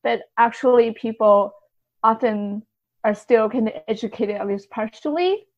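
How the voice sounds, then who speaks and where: The literary translator, a woman being interviewed, speaks at a moderate pace in a slightly high voice. She explains her points in a conversational way, padding them with lots of hedges and softeners. The recording is lo-fi and dull.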